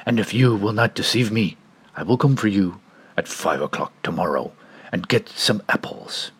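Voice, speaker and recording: A sly, hungry wolf growls low and coaxing, as a man puts him on for a storybook. The voice is husky and moves widely in pitch. He sounds menacing under the sweetness. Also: animated, moderate pace, a bit bright, full character voice. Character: big bad male wolf, sly and hungry.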